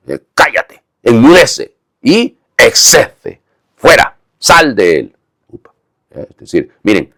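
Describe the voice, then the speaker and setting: Priest preaching a homily: low, expressive male voice, dry recording, explains step by step. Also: no echo. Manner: explanatory, with frequent tag questions.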